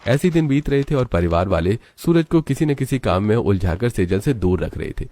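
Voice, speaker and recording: A man narrating a scripted family story in a steady storytelling manner. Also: on the low side, normal speed.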